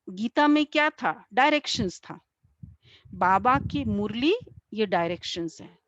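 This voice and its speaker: Woman, spiritual class teacher: slow, patient, questions the room; dull, dry recording. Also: on the high side, dry recording. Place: meditation centre classroom. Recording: dull, muffled, dry sound.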